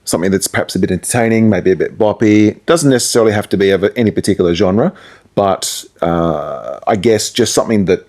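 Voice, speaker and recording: A middle-aged radio presenter from Perth, Australia, speaks in an interview with an Australian accent, talking casually and thinking aloud as he goes. His voice is on the low side with a darkish tone, and he talks a little fast.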